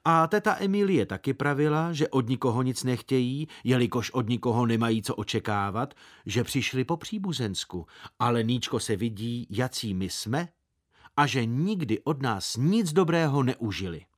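A man reading a story aloud as narrator, in lively, measured storytelling. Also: mid-range voice. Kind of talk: scripted narration.

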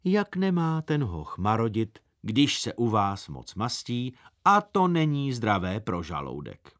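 A man's voice: on the low side, huge pitch swings, fairly bright tone. A man voicing a grumbling, stingy middle-aged uncle who sighs and complains in a storybook reading. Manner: complaining, sighing.

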